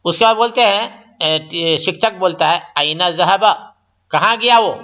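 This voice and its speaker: A man teaching an Arabic lesson, explaining each phrase and then repeating and translating it slowly. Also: high-pitched, sharp tone. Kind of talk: classroom-style language lesson. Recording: dull lo-fi recording.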